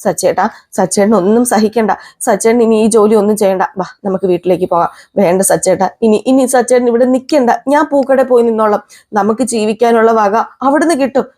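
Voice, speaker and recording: A tender young wife who pleads with tearful, emotional appeals, voiced by a woman narrator. The voice is mellow and warm, like a dramatic serial retold aloud. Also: a little high, fast, natural voice. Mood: pleading.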